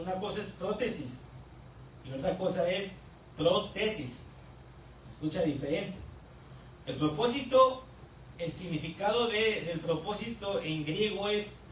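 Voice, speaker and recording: A male pastor preaching a teaching sermon, who keeps checking in with the congregation and repeats key words slowly. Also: high-pitched, fairly bright tone. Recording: echoey room, distant mic, faint noise.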